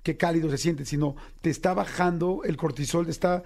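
Man, mexican accent, high-pitched voice, podcast host, animated casual storytelling. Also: fairly quick, gravelly. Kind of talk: casual chat.

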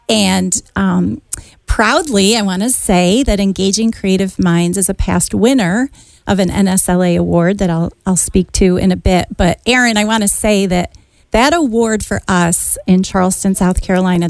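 A woman's voice: medium pitch, darkish tone, no echo. A woman hosting a radio show, who interviews her guest with gushing enthusiasm.

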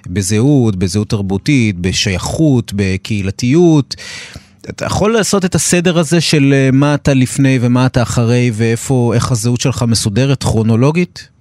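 An Israeli man interviewing conversationally, pausing and piecing his questions together. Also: mid-range voice, a little mellow, no echo, studio quality. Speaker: podcast interviewer.

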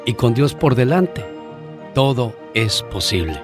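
A man's voice: mid-range voice, sing-song, music in the background. A man, a guest on an interview show, telling stories in a casual, earnest way with fillers. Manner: warm storyteller, earnest, pauses with fillers.

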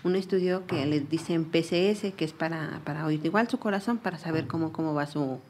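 A woman's voice: low-pitched, brisk, darkish tone, a little hiss or hum. A young woman with a Mexican accent giving personal testimony in an interview, earnestly retelling events and often repeating herself.

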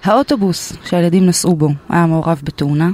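A woman hosting a parenting podcast, gently prompting her guest with short questions. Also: on the low side, dry recording. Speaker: podcast host. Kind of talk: podcast interview.

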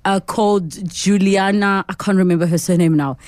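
A woman's voice: mid-range voice, steady tone, moderate pace, darkish tone, no echo. A woman hosting a radio interview, bubbly and chatty, laughing often as she talks. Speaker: radio show host. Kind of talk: casual interview chat.

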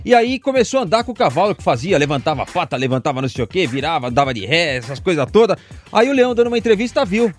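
A man's voice: on the high side, very animated, racing, soft background music. A man co-hosting a sports radio show with conversational banter and anecdotes, repeating phrases for emphasis.

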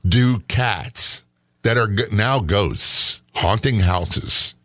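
A man's voice: fairly low pitch, very slow, a bit bright, no echo, studio quality. A middle-aged man co-hosting a casual chat, skeptical and sarcastic, often rambling. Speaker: podcast co-host.

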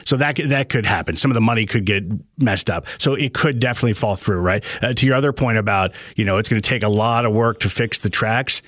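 A man's voice: on the low side, fast talker, hardly any pauses, fairly bright tone, no echo. A middle-aged man hosting a casual radio call-in show from a studio, rambling and hesitant as he chats. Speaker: radio talk show host. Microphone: close studio microphone.

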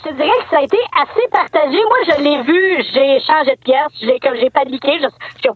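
Man with disguised, pitched-up phone voice. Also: no room sound. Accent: Québécois French. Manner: hesitant, halting with fillers. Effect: voice changer disguising the voice, pitched up. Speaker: anonymous caller. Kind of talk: phone-in confession on radio. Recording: tinny phone line.

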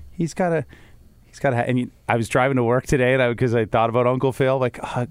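Man, middle-aged, Canadian accent, radio co-host, rambling casual chat, mid pitch, dry close mic. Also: fairly even intonation, quick pace, smooth, no echo. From Bruce County, Ontario, Canada. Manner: rambling, self-interrupting, laughs often.

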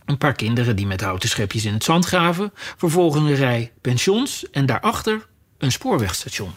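A man narrating a storybook with a lively, expressive reading. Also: medium pitch, normal speed.

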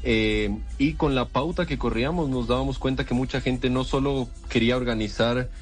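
Casting: guest man, mid-pitched voice, explains at length and hesitates often. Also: moderate pace, faint music behind. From Ecuador. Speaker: guest, entrepreneur. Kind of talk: radio interview.

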